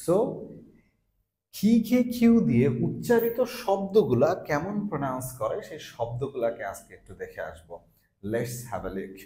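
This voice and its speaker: A man's voice: mid-range voice, lively intonation, measured pace, dark tone. A man with a Bengali accent teaching English pronunciation, repeating each example word several times and mixing Bengali with English. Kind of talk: classroom lesson, repeating example words. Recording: echoey room.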